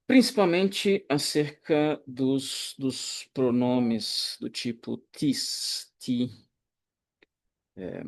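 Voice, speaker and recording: A man with a gravelly, fry-edged voice teaches Greek grammar in a recorded online lesson. He speaks at an unhurried, measured pace, stopping to think and correcting himself mid-sentence. His pitch sits in an ordinary middle range. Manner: slow, deliberate explaining with pauses and self-corrections.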